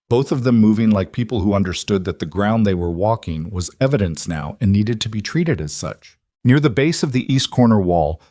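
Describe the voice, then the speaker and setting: A man narrating a scripted western story in a steady, unhurried way. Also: on the low side, no room sound, clean studio sound.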